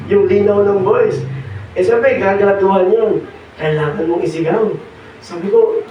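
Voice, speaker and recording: Hoarse young preacher in an echoey church. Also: male voice, high voice, a little mellow, a little hiss or hum. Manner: mixes Tagalog and English, pauses with fillers. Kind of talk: sermon. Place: church hall. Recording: echoey hall, distant dull mic.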